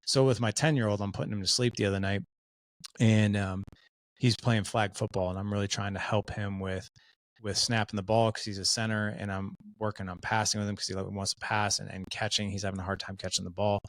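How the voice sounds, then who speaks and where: A man's voice: on the low side, little pitch movement, a little fast, no room sound. A man in his forties, a podcast guest, telling candid stories in a loose, casual way full of "like" and "dude.". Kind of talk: casual storytelling chat.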